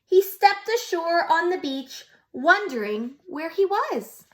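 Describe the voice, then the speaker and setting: A woman teacher reads a storybook aloud to little children in a high, bright voice. Her pitch swings up and down with lively expression, and she stops to ask the kids gentle questions. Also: slow. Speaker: preschool teacher. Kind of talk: reading a picture book aloud to young children.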